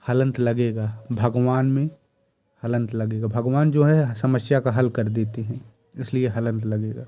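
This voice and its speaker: A man's voice: medium pitch, warm tone. A man teaching Hindi grammar for exam preparation, reciting correct spellings in short, repeated phrases. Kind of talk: exam-prep spelling drill.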